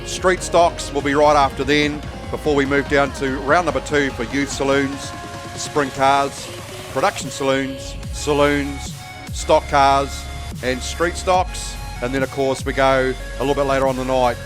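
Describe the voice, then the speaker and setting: A man's voice: medium pitch, steady tone, unhurried, over music. A man with a New Zealand accent giving casual live commentary as a speedway track announcer.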